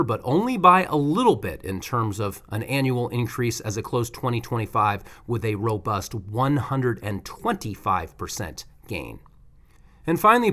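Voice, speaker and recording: A man's voice: mid-range voice, fairly bright tone. A man presenting a scripted market report as a show's news presenter.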